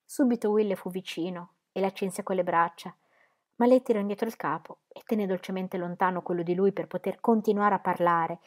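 Woman, audiobook reader, literary narration, calm, even. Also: on the low side, a little fast.

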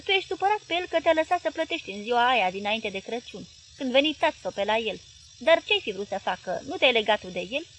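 A woman reading an audiobook plays a wife with a sugary, coaxing voice, pitched high and pleading as she reasons with her husband. Her lines come loud and lively. A faint hiss lies behind the voice.

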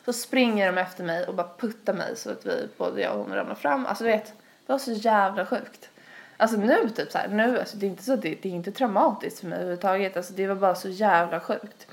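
A woman's voice: medium pitch, expressive. A young woman, rambling through a long story in casual podcast chat, full of fillers. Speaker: podcast host.

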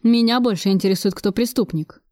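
A woman reading an audiobook, voicing a furious, gruff middle-aged male factory director who curses and shouts. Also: medium pitch, brisk, no room sound, clean studio sound, natural voice. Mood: grumbling.

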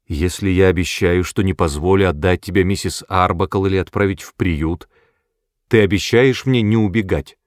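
A man reading a firm, steady mother. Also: low-pitched, dry recording, studio quality, lightly acted. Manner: quiet and measured, turning stern. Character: calm, firm-willed mother and wife.

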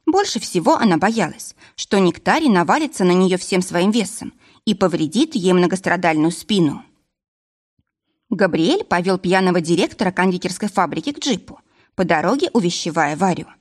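A woman reading a novel aloud in a measured, even storytelling manner. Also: lowish voice. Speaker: audiobook narrator. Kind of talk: scripted narration.

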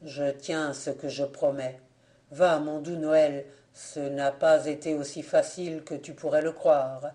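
A man reading an audiobook voices the ghost of a young soldier, speaking in a hushed, slow and mournful way. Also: on the high side, steady tone, close to an everyday voice. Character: ghost of a young male soldier, sorrowful and weary.

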